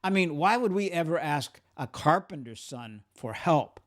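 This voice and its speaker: A man preaching a sermon, telling the story dramatically and swinging from urgent, raised lines to hushed, quiet ones. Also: on the high side, expressive, moderate pace. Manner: dramatic storytelling, acts out quoted voices.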